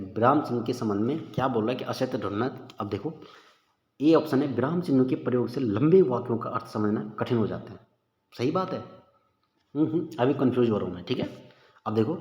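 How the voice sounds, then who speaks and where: In a chatty, informal exam-prep lesson, a man calls his listeners "bhai" and thinks aloud through the questions. His voice is mid-range and darkish, captured in an echoey room with long reverb and dull lo-fi sound.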